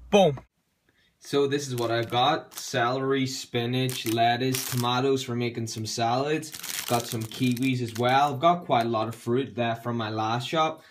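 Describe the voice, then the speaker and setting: A young man talks through his day in a relaxed, casual vlog style, swearing freely. His pitch sits mid-range for a man. It is recorded on a simple camera mic. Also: a little hiss or hum. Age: young adult. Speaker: fitness vlogger. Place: gym, parked car, home kitchen.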